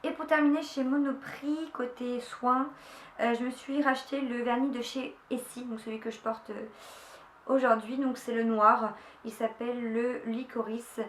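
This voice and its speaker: In an echoey room at home with faint ambience and a little hiss or hum, a young beauty vlogger chats about her haul. Her voice sits on the high side with fairly even intonation at a moderate pace, upbeat and full of fillers and restarts.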